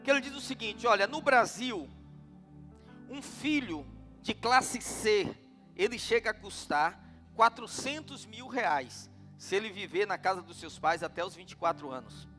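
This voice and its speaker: A man's voice: high voice, animated, unhurried, bright, forceful tone, big-room sound, faint music behind. A middle-aged man with a Brazilian Portuguese accent preaching a sermon, telling stories and asking the congregation questions. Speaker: pastor.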